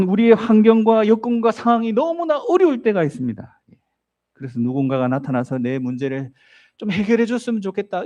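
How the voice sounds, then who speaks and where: Male pastor, sermon delivery: high and mellow voice, very lively intonation, storytelling with rhetorical questions. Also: muffled recording. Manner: asks the congregation rhetorical questions.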